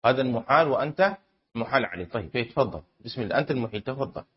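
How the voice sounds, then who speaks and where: A man teaching a class on Islamic law, quizzing students and repeating key terms slowly with emphasis. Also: medium pitch, animated, slightly rough. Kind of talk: classroom lesson with student exercise. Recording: dull lo-fi classroom recording.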